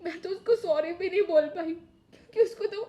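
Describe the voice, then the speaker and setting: A woman's voice: normal speed, dark tone, dull audio. A woman acting a short-tempered housewife in a short drama who scolds sharply and later turns tearful with remorse. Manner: scolding, shrill, then tearful.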